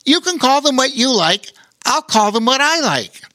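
A man voicing a cheerful young male otter with a high, bubbly, eager voice in a storybook reading. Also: big pitch swings, moderate pace, sharp tone, dry recording, studio quality, exaggerated voice. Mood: excited.

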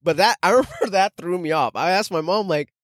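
A Canadian man in his thirties, later based in Arizona, hosts a casual solo podcast as a stand-up comedian, telling stories in slangy, profane, animated talk and calling his listeners "guys." His voice is high-pitched and fairly quick. The recording is dry, with clean studio sound.

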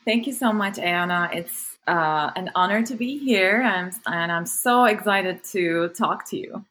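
A native Turkish speaker from Turkey, this woman is a content creator appearing as a guest in a casual interview. Her voice is on the low side, a bit bright, and unhurried, and she sounds hesitant, uses many fillers, and laughs easily, with slight background noise present.

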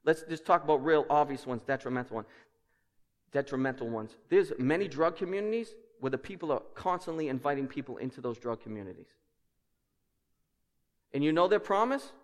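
A man's voice: fairly high pitch, lively intonation, fairly quick. A man preaching a sermon as a pastor, with emphatic, repetitive phrasing and rhetorical questions. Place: large indoor church hall. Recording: echoey hall with long reverb.

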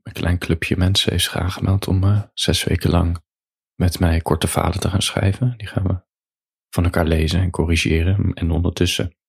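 A writer reading aloud his own short story in a calm, reflective way with quiet emotion. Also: sits low, normal speed, vocal fry, slightly rough. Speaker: writer and writing teacher.

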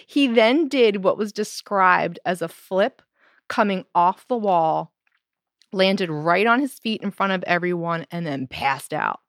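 A woman co-hosting a podcast, casually telling a true spooky story, animated and laughing now and then, with lots of "so" and "like". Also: on the low side, unhurried, dry recording, studio quality.

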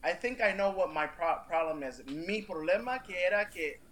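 A real estate agent appears as a podcast interview guest, earnestly and emphatically recounting a personal story while stumbling into restarts. His voice sits high and is a bit bright, expressive and unhurried.

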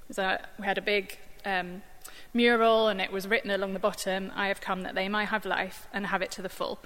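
A woman with a bright, clear voice gives a gentle Bible reflection in a relaxed, conversational way, pausing often to find her words. Her voice rings out with a long hall reverb around it. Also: mid-range voice. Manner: conversational, thoughtful, many fillers. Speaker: church staff member giving a Bible reflection. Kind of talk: informal sermon reflection.

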